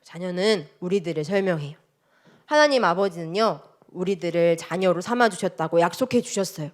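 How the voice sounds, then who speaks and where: A woman teaching a children's sermon, telling a story and asking the children many questions in a lively, expressive way. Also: lowish voice, fairly quick.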